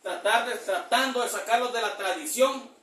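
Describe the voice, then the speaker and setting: A high, bright male preacher delivers a sermon. He slows down on scripture passages and keeps saying "brother". His voice carries from a distance through an echoey church hall. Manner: reads verses slowly, repeats "hermano" often.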